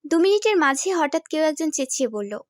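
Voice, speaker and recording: Young woman telling a story first person, high voice, dry close sound. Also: brisk, no room sound. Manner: expressive, storytelling. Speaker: narrator.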